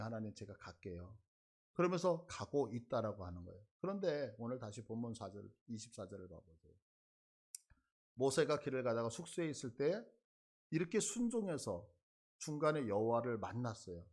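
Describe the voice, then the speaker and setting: Male pastor, sermon, animated storyteller doing the characters' lines, husky. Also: mid-range voice. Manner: lively storytelling, acting out dialogue in voices.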